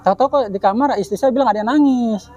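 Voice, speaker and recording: A man's voice: very high-pitched, lo-fi sound, music in the background. A man telling a personal supernatural story in casual chat, acting out the quoted voices and drawing out prayer phrases. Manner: acts out quoted voices, many "kata saya gitu" tags; chants prayer phrases slowly. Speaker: guest storyteller.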